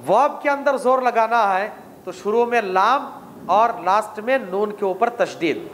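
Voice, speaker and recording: A man with an Indian accent teaching a Quran commentary class, slowly explaining Arabic words and repeating them. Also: sits high, animated, long reverb tail, noisy background. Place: mosque hall.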